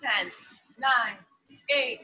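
A woman in her thirties leading a workout as an aerobics instructor, calling out counts with peppy, encouraging shouts and cheers in a large gym. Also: on the high side, very slow. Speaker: group fitness instructor. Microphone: a few feet from the camera.

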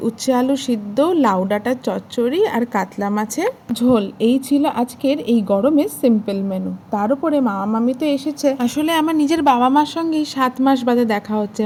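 Chatty high-voiced woman. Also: darkish tone, slight background noise. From Kolkata, India. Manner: chatty, addresses viewers directly; homely, conversational storytelling. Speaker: family vlogger. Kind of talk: casual vlog voice-over.

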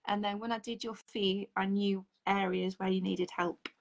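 A woman's voice: medium pitch, steady tone, normal speed, vocal fry. A woman in her forties, a holistic therapist, chatting earnestly as a guest on a video call. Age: 40s. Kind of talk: casual video-call chat. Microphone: video call, audio only.

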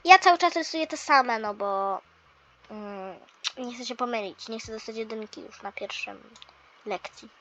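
A woman voicing a shy, anxious schoolgirl in a toy role-play lesson, talking quietly and hesitantly. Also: on the high side, moderate pace. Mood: worried. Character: shy, anxious schoolgirl who whispers to herself.

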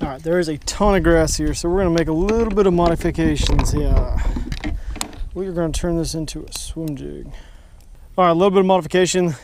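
A young man with a fairly high voice narrates his fishing trip, chatting straight to viewers from his kayak on an open lake. He gets excited and quick whenever a fish bites. The sound comes from a head-mounted action camera, with a faint hiss of wind and water behind him. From Texas. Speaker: fishing vlogger. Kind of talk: casual first-person fishing commentary.

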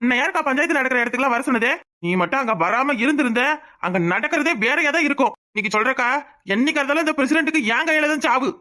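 A woman's voice: high-pitched, lively intonation, racing, bright, forceful tone. A woman voicing an angry, protective young village man in a cartoon, fiery and vengeful. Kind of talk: cartoon voice acting.

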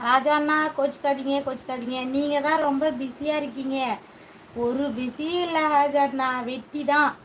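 High-voiced woman chatting on a live stream. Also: steady tone, normal speed, a little hiss or hum, poor audio. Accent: Tamil. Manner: chatty, greets viewers by name. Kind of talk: casual live chat reading viewer comments. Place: home kitchen, cooking while streaming.

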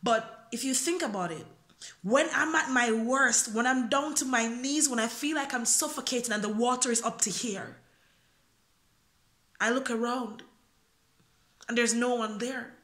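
This young woman from Jamaica freestyles a spoken word piece into a phone held close, questioning and earnest in her search. Her voice is on the high side and a bit bright, measured with long pauses, echoing in a small indoor room.

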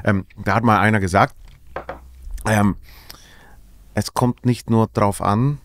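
A man's voice: lowish voice, fairly even intonation, slow, no room sound. A man from Germany, a comedian and radio host, chatting as a podcast guest and telling stories with frequent laughs. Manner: chatty, laughs often, storytelling. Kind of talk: casual chat.

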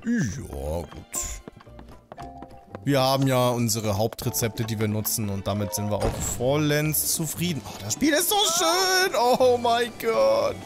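A man in his thirties doing casual let's play commentary. He talks in a slangy way with lively intonation at a middling pitch, close on the mic, with game music clearly behind. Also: measured pace. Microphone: desk microphone close to the mouth.

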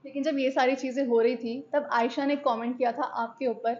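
A woman's voice: high-pitched, fairly even intonation, moderate pace, darkish tone. A woman interviewer asking long, detailed questions about events on a reality show. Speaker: entertainment interviewer. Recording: dull, muffled audio.

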